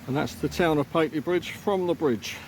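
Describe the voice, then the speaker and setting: A man's voice: a little high, a little fast. A man giving casual, matter-of-fact, off-the-cuff sightseeing narration, recorded on a phone out on location. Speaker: holiday vlogger. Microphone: handheld phone. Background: clear ambient noise, sometimes rain.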